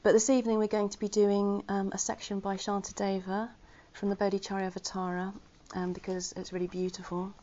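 With a warm, mid-range voice, flat delivery and a slightly fast pace with hardly any pauses, a woman gives her Buddhist community an informal Dharma talk. She's earnest, conversational and self-deprecatingly funny, heard through a slightly muffled recording.

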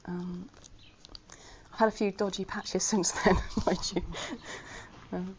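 A woman with a lowish voice speaks slowly in a level tone, giving an informal Dharma talk to her Buddhist community. She's earnest and chatty, with self-deprecating humour. The slightly muffled recording carries a little hiss or hum.

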